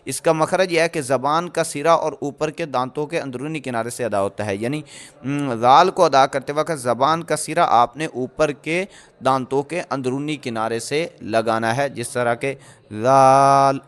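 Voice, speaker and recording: A man teaching tajweed in a recorded lecture, explaining slowly with many pauses and fillers and sounding out letters again and again. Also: medium pitch, fairly bright tone. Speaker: Quran recitation teacher.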